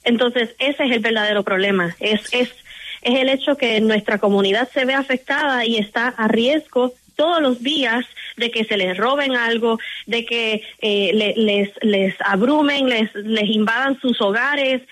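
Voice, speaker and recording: A woman's voice: fairly high pitch, unhurried, fairly bright tone, low-quality recording. A Puerto Rican woman in her twenties, a campaign guest answering interview questions in an emphatic, insistent way and often repeating words. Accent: Puerto Rican Spanish. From Puerto Rico.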